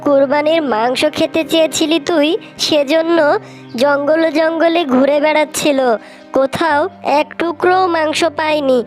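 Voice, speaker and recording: A woman's voice: sits high, fairly even intonation, normal speed, faint music behind, natural voice. A woman doing a tender, grieving fox mother. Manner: tender and tearful. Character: caring female fox mother and wife. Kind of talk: cartoon voice acting.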